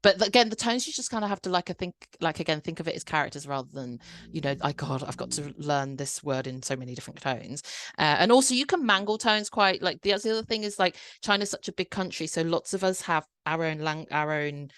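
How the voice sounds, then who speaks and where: A woman's voice: lowish voice, expressive, fast, hardly any pauses, fairly bright tone, no echo, clean studio sound. A woman hosting a podcast, explaining things step by step in casual chat, with many restarts and fillers. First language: Cantonese. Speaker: podcast host.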